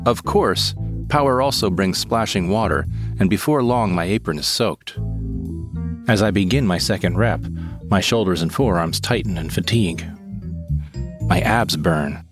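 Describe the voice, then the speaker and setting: A man reading a first-person story in a calm, measured way. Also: low-pitched. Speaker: narrator. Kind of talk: scripted first-person narration. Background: guitar music.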